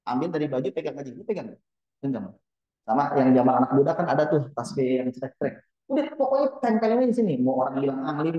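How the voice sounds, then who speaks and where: A man leading a casual religious study gathering, often quizzing his listeners and joking, with sudden high bursts in his voice. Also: mellow. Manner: keeps quizzing the audience with quick questions. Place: Islamic boarding school gathering hall. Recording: roomy, slightly dull sound.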